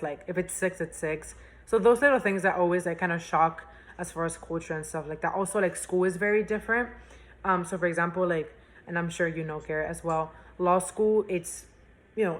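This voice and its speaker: A young adult woman from Spain, a university student, chats casually as an interview guest, her speech full of fillers and restarts. Her voice sits on the low side with a slightly bright quality.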